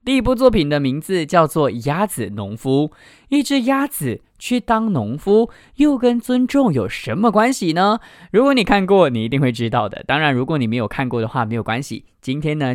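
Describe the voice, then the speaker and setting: A man hosting a children's literature show and reading a picture book aloud in a lively, expressive way. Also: on the high side, brisk, dry recording, clean studio sound. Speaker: podcast host and storyteller. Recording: music bed under voice. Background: background music.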